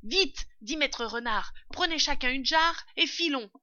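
A clever storybook fox speaks hushed and urgent, as a woman voices him. The voice stays fairly high and bright. The recording is dry. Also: expressive, a little slow, no room sound, heavily acted. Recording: dull lo-fi recording.

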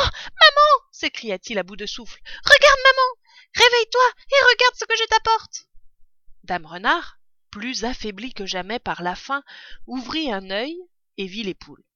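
A woman reading a children's story aloud in a lively, expressive storytelling manner. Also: on the high side, no echo, muffled recording. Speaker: audiobook narrator.

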